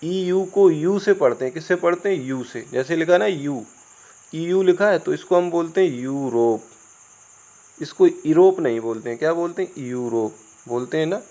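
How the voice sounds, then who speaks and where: A fairly high-voiced Indian man leads an English lesson, spelling out each word letter by letter and then answering his own questions. The recording is dull and lo-fi, with crickets chirping faintly behind him. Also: fairly quick, mellow. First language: Hindi. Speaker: English teacher. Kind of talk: classroom-style spoken lesson.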